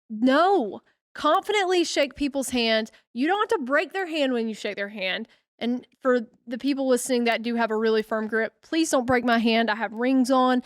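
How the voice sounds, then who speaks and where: A woman's voice: sits high, no room sound, clean studio sound. A middle-aged woman co-hosting a podcast, giving confident, emphatic advice in a casual coaching tone. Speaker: podcast co-host.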